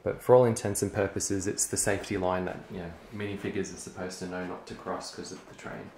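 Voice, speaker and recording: Young man, lowish voice, casual show-and-tell vlogger, echoey carpeted room. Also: brisk. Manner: relaxed, chatty, frequent ums. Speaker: LEGO hobby vlogger. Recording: echoey room, faint noise.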